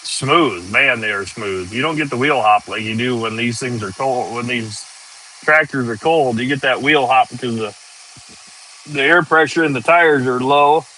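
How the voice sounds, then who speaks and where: A man's voice: medium pitch, moderate pace, pushed and bright, a little hiss or hum, rough recording. A man, chatting casually and rambling on a live stream from a tractor cab, laughing easily. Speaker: farm worker livestreaming.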